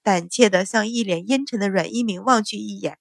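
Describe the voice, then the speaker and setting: A woman narrating a story in a steady, even reading voice, acting out the dialogue of its characters. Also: medium pitch, brisk, gravelly, no room sound, studio quality.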